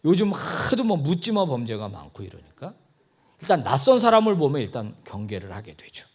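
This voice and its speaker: A man's voice: mid-range voice, a little fast, slightly rough. A male pastor giving a sermon, joking with the congregation and acting out little dialogues. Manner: animated, jokey, acts out dialogue. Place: church sanctuary.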